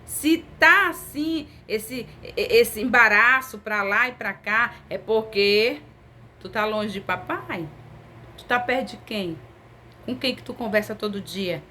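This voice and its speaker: Woman preacher, fairly high voice, close conversational sermon, faint hiss behind. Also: pushed and bright. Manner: intimate, conversational preaching with drawn-out emphatic phrases.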